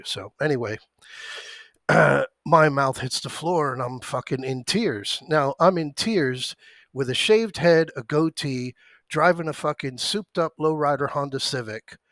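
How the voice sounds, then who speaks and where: A man's voice: medium pitch, normal speed, fairly bright tone, no room sound, clean studio sound. A man in his forties hosting an options trading stream from his home computer, swearing often and breaking off his story to call out stock prices. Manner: profane, rambling, jumps between anecdote and stock prices. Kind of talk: livestream storytelling mixed with market commentary.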